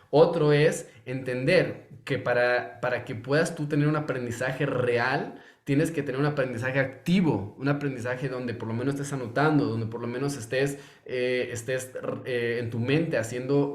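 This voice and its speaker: A man gives an informal lecture, his voice sitting at an ordinary middle pitch. He talks in a loose, conversational way, often stopping and restarting his sentences. The room around him is echoey. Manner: conversational, many fillers and restarts. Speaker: Hebrew course teacher.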